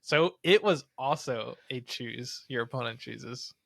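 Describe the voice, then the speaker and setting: Man, mid pitch, thinks aloud, casual podcast chat, dry close recording. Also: measured pace, creaky, a bit bright, dry recording. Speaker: podcast co-host.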